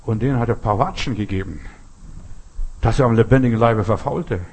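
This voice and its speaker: Male preacher, husky tone, earnest and repetitive sermon delivery, talks straight to the listener. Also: medium pitch, fairly quick, a little mellow.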